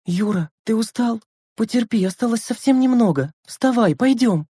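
A man reading an audiobook who voices an anxious, pleading teenage girl in a high, emotional voice. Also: expressive, normal speed, dark tone, slightly rough, no room sound, studio quality, exaggerated voice. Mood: worried. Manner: high-pitched, emotional, insistent.

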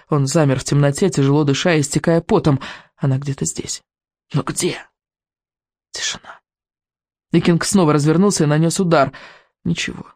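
Audiobook reader, woman, low voice, expressive, dry close mic. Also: no echo. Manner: expressive storytelling. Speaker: audiobook narrator. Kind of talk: scripted narration.

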